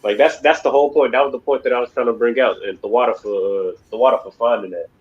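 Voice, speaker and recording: Racing through his religious class lecture, a man speaks at medium pitch on audio missing its highs. He rambles emphatically, with constant fillers and a repeated "you know what I mean."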